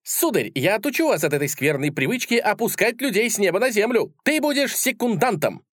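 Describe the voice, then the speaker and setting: A man putting on Tak, an excitable little creature. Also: sits high, fairly quick, dry recording, clean studio sound, pitched above the performer's own voice, heavily acted. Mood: exclaiming. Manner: excitable, theatrical outbursts. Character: whimsical little male creature, dreamy and hot-tempered.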